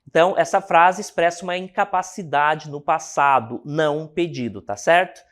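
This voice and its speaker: A man's voice: fairly high pitch, moderate pace, fairly bright tone. A man from Brazil teaching an English lesson, explaining step by step and checking in with the class.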